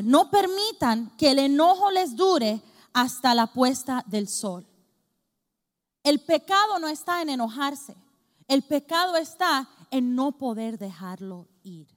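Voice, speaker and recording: A woman from the Dominican Republic, high-pitched, preaching a lively sermon. She acts out small scenes and asks the congregation questions. Her voice rings with the long reverb of a church hall.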